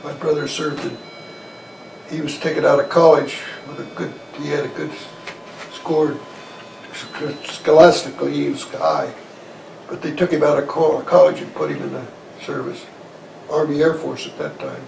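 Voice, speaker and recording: Sitting in an armchair in a small living room, an eighty-something Korean War veteran shares conversational oral-history memories in a plain, folksy, halting way. His voice is on the high side and darkish, with vocal fry and lively intonation. Captured by a lavalier clipped to his shirt, the audio is roomy and distant, with faint noise.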